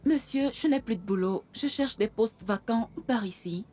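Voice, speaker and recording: A woman dubbing a mellow-voiced pleading young woman. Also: a little high, moderate pace, slight background noise, natural voice. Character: desperate jobless young woman.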